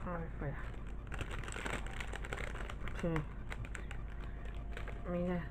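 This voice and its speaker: This craft haul vlogger, with an accent from Spain, has a lowish voice and a flat, very slow delivery. She chats casually as she shows her purchases on camera, rambling, trailing off, and correcting herself often, against a noisy background.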